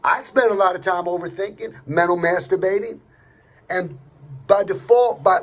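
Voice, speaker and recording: A middle-aged man giving a blunt, streetwise motivational talk, swearing at times and repeating himself. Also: sits high. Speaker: motivational speaker. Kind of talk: motivational monologue to camera.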